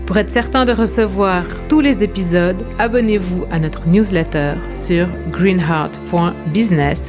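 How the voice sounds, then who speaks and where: Slow, intimate woman podcaster. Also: on the low side, music in the background. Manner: intimate, questioning, addresses the listener directly. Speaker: podcast host, communication coach. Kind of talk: scripted poetic monologue.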